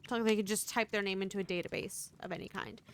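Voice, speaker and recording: A woman's voice: mid-range voice, steady tone. A woman streaming a detective game, chatting casually and laughing easily with her co-player. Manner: easygoing, quick to laugh. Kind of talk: casual gaming chat.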